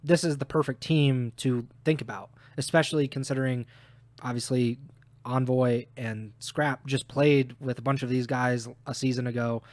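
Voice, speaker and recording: A man's voice: medium pitch, fairly even intonation, moderate pace, a little mellow, no room sound. A man co-hosting a podcast, giving blunt opinions on esports while losing his voice. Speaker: podcast co-host. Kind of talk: casual esports analysis chat.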